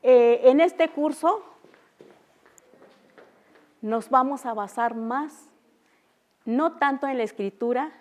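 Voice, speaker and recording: A young native Mixtec speaker from Oaxaca, Mexico, teaches an unscripted language class in a university auditorium. She's halting, uses many fillers, and repeats example sounds, and her voice is high-pitched and a little mellow.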